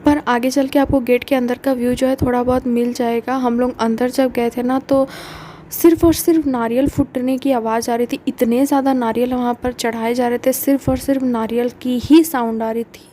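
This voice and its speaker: A woman's voice: fairly high pitch, steady tone, normal speed, warm tone, slight background noise, poor audio. A young woman chatting through a family travel vlog, sprinkling English words into her talk. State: feeling feverish, speaking softly. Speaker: vlogger. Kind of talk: casual travel vlog chat.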